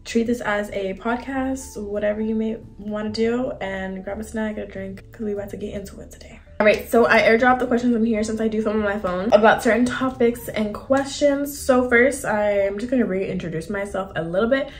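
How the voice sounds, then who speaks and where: A 21-year-old woman vlogger speaks in a mid-range voice, brisk and with few pauses, confiding in a casual, slangy way like a chatty sit-down monologue. She's from several countries, including Argentina and Bosnia, and grew up bilingual in English and Spanish. Music plays in the background.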